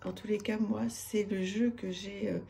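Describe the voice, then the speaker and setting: A woman's voice: mid-range voice, fairly even intonation, moderate pace, vocal fry, warm tone. A woman, chatting to camera about her tarot decks, hesitant with many fillers and restarts, enthusiastic. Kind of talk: casual chat to camera. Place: home room with street noise outside.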